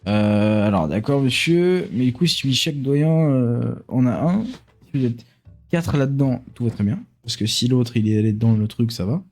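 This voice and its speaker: A man's voice: medium pitch, lively intonation, normal speed, a little mellow, faint music behind. A man doing casual let's play commentary, thinking aloud in an informal, self-mocking way.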